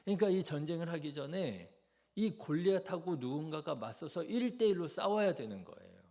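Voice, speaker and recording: A man preaching an early-morning sermon, animated and acting out the quoted lines. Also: a little high, fairly quick. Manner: animated, acts out quoted lines with rising loudness. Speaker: pastor.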